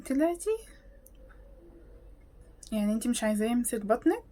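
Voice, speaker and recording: A woman with an Egyptian Arabic accent reacts to videos in an exasperated, mocking tone. Her voice sits a little high, and she fires off rhetorical questions. She swings from loud outbursts to hushed asides. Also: sing-song, a little slow.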